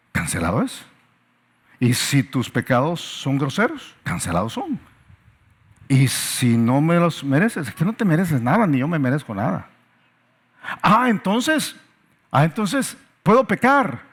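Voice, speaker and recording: A man's voice: high voice, a bit bright. A male pastor preaching a sermon with emphatic repetitions and rhetorical questions.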